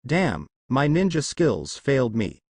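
A man's voice: medium pitch, wildly swooping pitch, a little slow, husky, no echo, heavily acted. A man voicing a goofy, brash teenage ninja boy who whines and jokes in a storybook reading. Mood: whiny. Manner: whiny and playful.

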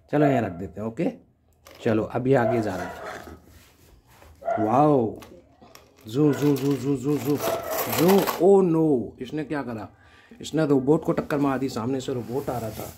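Excited man narrating toy play. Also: mid-range voice, measured pace, long pauses, background noise. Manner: excited exclamations and motor sounds. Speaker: toy video host. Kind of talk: playful toy narration for children.

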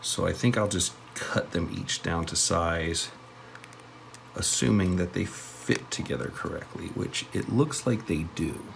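A man's voice: sits low, measured pace, vocal fry, slight background noise. A man casually talking through an electronics kit build at his workbench, thinking aloud with plenty of fillers. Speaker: electronics hobbyist host.

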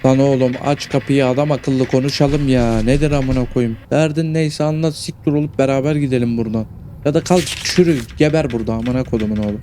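A man's voice: mid-range voice, steady tone, a little fast, warm tone, a little hiss or hum. A man giving casual commentary while he plays a horror game. He swears constantly and reacts jumpily to what happens on screen. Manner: crude, swears constantly, jumpy reactive banter.

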